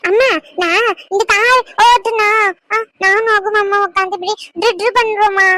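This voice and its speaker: A woman's voice: very high voice, steady tone, normal speed, pushed and bright, no echo, clean studio sound. A woman voicing a playful little boy in a cartoon, whining and begging his mother. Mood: pleading. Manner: whiny, begging.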